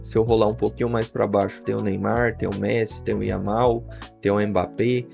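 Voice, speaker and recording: A Brazilian man giving a casual product tutorial as a software reviewer. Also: on the low side, little pitch movement, normal speed, gravelly. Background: faint guitar music.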